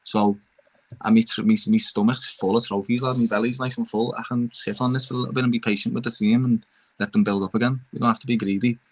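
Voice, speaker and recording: On a football podcast, a young Scouse panelist who supports Liverpool speaks quickly in a mid-range voice. He's animated and passionate in the casual debate, repeatedly addressing people as "lad".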